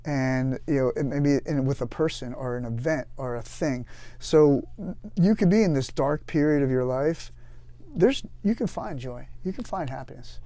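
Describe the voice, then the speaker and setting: A man being interviewed as a guest author and veteran, telling anecdotes in a lively, casual way with frequent restarts. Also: medium pitch, moderate pace, dry recording. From United States.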